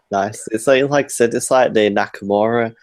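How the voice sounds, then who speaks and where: Man, a touch low, laughs a lot, ribs his co-host, loose live-stream chat. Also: moderate pace. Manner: laughs often, teasing. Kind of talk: casual chat.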